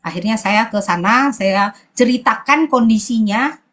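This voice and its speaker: A woman's voice: a little high, a bit bright. Woman telling a hesitant testimony. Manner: hesitant, often pausing to search for words. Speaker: church member giving a testimony. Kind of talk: personal testimony.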